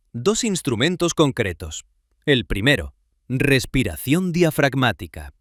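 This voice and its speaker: Guy doing scripted narration, short clipped lines, lots of pitch movement, dry. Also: fairly bright tone, dry recording. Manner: measured, short clipped phrases with pauses.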